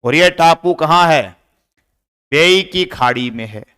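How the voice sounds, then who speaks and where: A man's voice: fairly high pitch, animated, takes it slowly, a bit bright, smooth. A man teaching a poem in a lesson, asking his class questions and then answering them himself. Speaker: English literature teacher.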